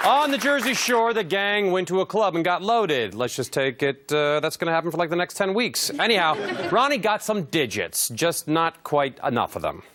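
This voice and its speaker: A man's voice: fairly high pitch, normal speed, some chatter behind, a little hiss or hum. Wisecracking male comedy host. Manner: wisecracking, deadpan jokes, chuckles. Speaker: comedy clip show host. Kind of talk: sarcastic comedic commentary.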